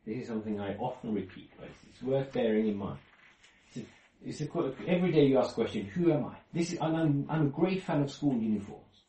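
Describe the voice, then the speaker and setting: A man's voice: mid-range voice, lively intonation, fairly quick, dark tone. A man from Finland leading an informal Bible study, explaining with many restarts and fillers. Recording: roomy, distant from mic.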